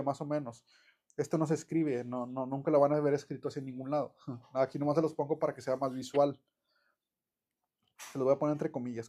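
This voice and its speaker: Relaxed man teaching. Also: on the high side. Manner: relaxed, chatty, with many fillers and self-corrections, laughs often. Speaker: English teacher. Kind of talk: casual online grammar lesson.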